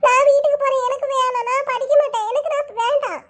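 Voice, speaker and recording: A woman's voice: extremely high pitch, steady tone, a little fast, bright, forceful tone. A woman voicing a small, stubborn schoolboy who cries and whines in a Kanyakumari Tamil accent, in a cartoon. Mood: crying tantrum. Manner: wailing, whiny, defiant. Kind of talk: cartoon voice acting.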